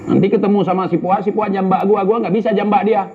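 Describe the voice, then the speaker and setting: A man's voice: sits high, fairly even intonation, quick pace, narrow, tinny audio, slight background noise. An Indonesian man and YouTuber with an Indonesian accent, bantering and mocking as he reads out viewer comments. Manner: mocking, brash, slangy. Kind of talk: casual banter reading comments.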